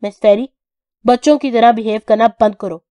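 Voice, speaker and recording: A woman reading an audio novel, voicing a cruel young male crime boss who is stern and commanding, in a clipped, forceful way. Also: a little high, no echo, natural voice. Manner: stern, clipped, louder than the narration.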